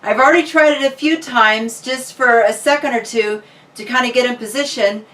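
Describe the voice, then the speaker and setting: In the style of a fitness vlogger, a woman talks casually to viewers, her slightly high, fairly bright voice moving at a moderate pace. The recording comes from a faraway mic.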